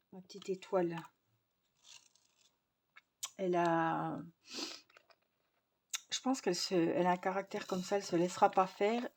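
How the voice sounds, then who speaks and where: A woman's voice: medium pitch, darkish tone. A young woman chatting casually to her viewers, rambling with lots of fillers and restarts. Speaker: vlogger.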